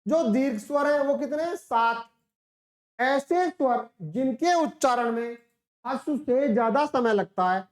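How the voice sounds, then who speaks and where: High-voiced woman teacher in an echoey room. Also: lively intonation, a little slow, a little mellow. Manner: explains step by step, asks questions and answers them herself; demonstrates sounds by drawing them out. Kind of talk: classroom lecture.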